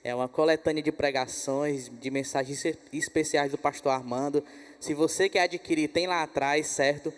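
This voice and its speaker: A man with a Brazilian Portuguese accent hosting a church conference, then leading a gentle prayer that keeps repeating "Pai". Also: fairly high pitch, fairly even intonation, moderate pace. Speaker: host. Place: church hall. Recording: reverberant hall.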